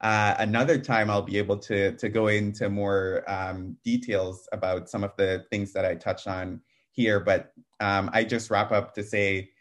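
On a webinar video call, a young Canadian panelist talks earnestly through a headset mic from a small room at home. His voice is on the low side and his delivery flat and a little slow, yet he stays fluent, frequently saying um.

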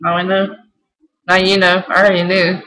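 A woman's voice: on the low side, little pitch movement, moderate pace, a bit bright, rough recording. A young woman from South Carolina, talking casually and informally to camera in a room at home. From South Carolina, United States. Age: young adult. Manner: offhand, informal. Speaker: vlogger. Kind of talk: casual chat to camera, reading out a word list.

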